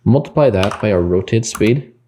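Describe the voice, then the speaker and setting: A man's voice: fairly low pitch, animated, moderate pace, background noise. A man teaching game development in a screen-recorded coding tutorial. He explains the code step by step, thinks aloud and corrects himself mid-sentence.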